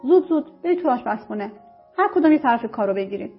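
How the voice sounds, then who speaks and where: A bossy, quick-tempered mother, put on by a woman reader, barking orders in a raised, husky voice. She scolds sharply and keeps everyone in line. The audiobook sounds muffled and lo-fi, with faint music underneath. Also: a little high, animated, voice pushed up. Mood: scolding. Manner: scolding, commanding. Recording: muffled lo-fi recording.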